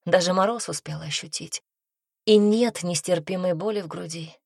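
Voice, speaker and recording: Low-voiced woman narrating an audiobook. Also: moderate pace, gravelly, darkish tone, breathy edge, no echo, clean studio sound. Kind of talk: first-person audiobook narration.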